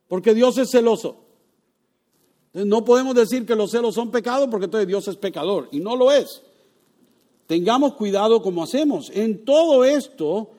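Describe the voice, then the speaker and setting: High-voiced preacher man, soft to loud. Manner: dynamic preaching, swings from loud to hushed; asks the congregation questions, acts out voices. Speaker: pastor. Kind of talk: sermon.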